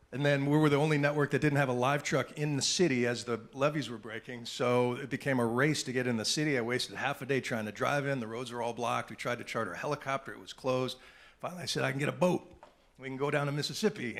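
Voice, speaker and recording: Middle-aged male journalist, panel speaker, animated anecdotal delivery, medium pitch. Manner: animated anecdotal storytelling with asides. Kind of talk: storytelling at a panel talk.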